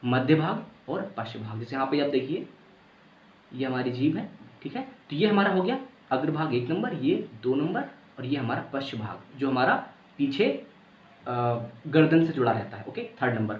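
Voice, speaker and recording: A man's voice: medium pitch, lively intonation, normal speed. A male teacher giving a casual grammar lesson, sounding out vowels aloud and checking that the class follows. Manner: casual, repeats points, checks understanding. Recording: echoey room, dull lo-fi sound.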